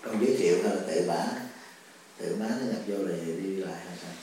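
A man, a spiritual master asking measured, probing questions. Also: low-pitched, dark tone, far from the mic, slight background noise. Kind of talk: consultation questioning. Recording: echoey room, voice from afar.

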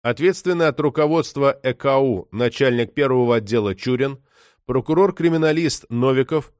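A man's voice: medium pitch, dry recording. Man narrating an audiobook, dry sound. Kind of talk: scripted narration.

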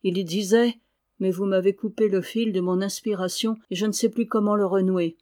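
A woman narrating a classic novel as an audiobook, in a calm, even manner. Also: mid-range voice, normal speed. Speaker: audiobook reader. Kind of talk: literary narration.

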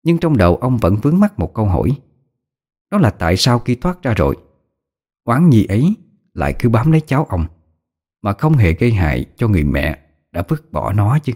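A man narrating a horror story in a steady, measured storytelling voice. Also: fairly low pitch.

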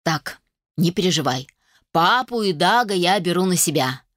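A woman voicing a bossy, energetic mother who takes charge of planning an engagement. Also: on the low side, no echo, studio quality. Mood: commanding. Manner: brisk and commanding.

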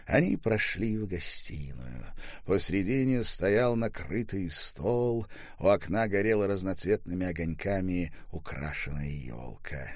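A man's voice: low-pitched, lively intonation, unhurried, no echo, studio quality. A man reading a novel aloud as narrator, moving between narration and the voices of the characters. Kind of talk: audiobook narration.

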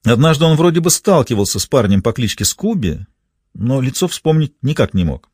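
A man's voice: mid-range voice, sing-song, brisk, darkish tone, breathy edge, no echo. A man narrating a crime thriller audiobook in a dramatic, tense way.

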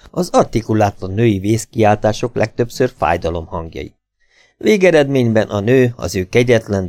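A man reading a novel aloud as an expressive, dramatic audiobook narrator. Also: low voice, vocal fry, no room sound, clean studio sound.

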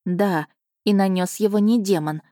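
A woman's voice: medium pitch, moderate pace, mellow, dry recording, studio quality, lightly acted. Woman voicing a wry, wary young heroine. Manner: skeptical, wry questioning. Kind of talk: audiobook character voicing.

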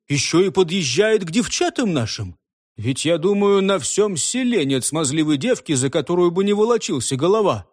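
A man's voice: sits high, dry recording, studio quality. A man voicing a bold young villager who mocks his father and rallies his friends. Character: bold young male villager, mocking and defiant.

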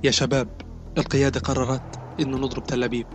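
A stern, suspicious commander played by a man who speaks in quick, clipped orders at a middling pitch. Soft music runs underneath, as in a radio drama. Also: level tone, lightly acted. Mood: commanding. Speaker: military commander.

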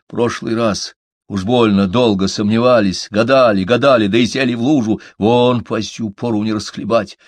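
A man's voice: fairly low pitch, steady tone, moderate pace, no room sound, lightly acted. A man voicing a thoughtful, earnest male hobbit who explains things carefully.

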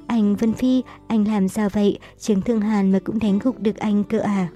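A sly, two-faced young man with a sweetly false, mock-caring tone, as a woman reader puts him on. The voice sits very dark and mellow in this storybook reading, with soft music faintly behind. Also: mid-range voice, steady tone, normal speed, lightly acted. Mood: mock concern.

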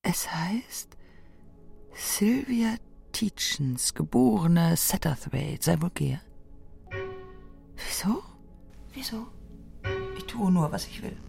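A haughty, restless young society wife brooding in a radio play. She talks slowly and half in whispers in a low, gravelly voice, with music running under her words. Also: expressive, darkish tone, full character voice.

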